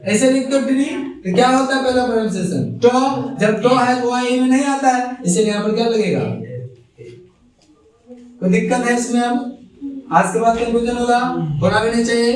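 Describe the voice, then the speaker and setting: A man's voice: extremely high pitch, steady tone, moderate pace. A male teacher giving a classroom grammar lesson, asking his students questions and then answering them himself. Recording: echoey room, far from the mic.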